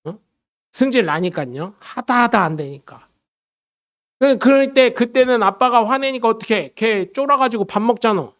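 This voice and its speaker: A man, a pastor, preaching a lively sermon and often calling out questions to his congregation. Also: very high-pitched, moderate pace. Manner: switches between solemn blessing and chatty storytelling.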